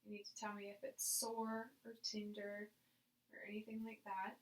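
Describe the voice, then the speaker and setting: A woman's voice: mid-range voice, completely flat delivery, moderate pace, slight background noise, poor audio. A woman demonstrating a clinical exam, informally explaining each step and giving instructions to her patient. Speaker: examiner demonstrating a nursing head assessment on a patient.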